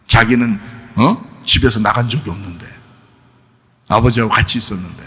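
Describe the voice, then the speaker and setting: A male pastor preaching a sermon, animated, acting out quoted speech with sudden high shouts. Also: normal speed, breathy edge.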